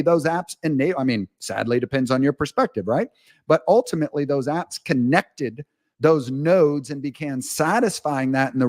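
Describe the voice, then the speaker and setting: A man's voice: a little high, darkish tone. A man as a podcast guest, speaking candidly and at length in a rambling storytelling manner with frank asides. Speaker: guest, author. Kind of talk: casual podcast conversation.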